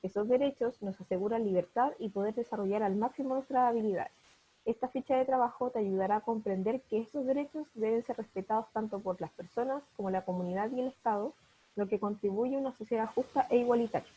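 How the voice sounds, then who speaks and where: Woman teacher, mellow and breathy, patient step-by-step explainer, on a muffled video call. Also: fairly high pitch, quick pace. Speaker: primary school teacher. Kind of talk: online class explanation.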